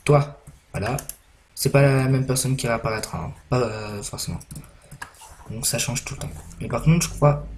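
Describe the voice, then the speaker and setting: Rambling young gamer, hesitant. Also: male voice, medium pitch, a little mellow, a little hiss or hum. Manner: rambling, hesitant, many fillers and restarts. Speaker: gaming YouTuber. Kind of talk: casual gameplay commentary.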